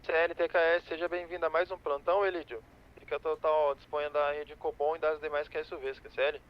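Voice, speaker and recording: A man's voice: a little high, little pitch movement, fairly quick. A man working as a police dispatcher in a game roleplay, heard over a police radio, answering in clipped radio codes. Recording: dull lo-fi radio voice.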